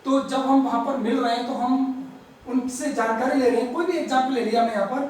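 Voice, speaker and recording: A woman teaching English grammar, explaining slowly, repeating words and stressing each example sentence. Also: sits high, a little mellow, slight background noise. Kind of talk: grammar lesson. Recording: echoey room, far from the mic.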